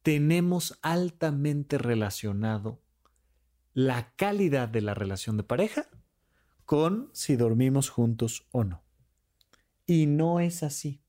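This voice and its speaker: Animated and swinging from high to low pitch, a male podcast host discusses relationships in a relaxed way. He stages couples' squabbles through fast quoted voices.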